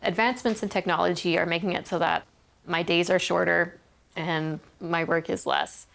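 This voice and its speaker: An actress playing a candid game-studio worker in a mockumentary interview, rambling offhandedly. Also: female voice, fairly low pitch, fairly even intonation, moderate pace, vocal fry, a bit bright.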